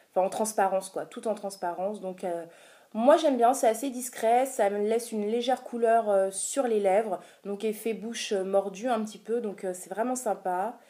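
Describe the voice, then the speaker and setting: A woman's voice: mid-range voice, warm tone. A woman casually talking through a beauty haul vlog, chatty and hesitant, with many filler sounds. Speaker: beauty vlogger.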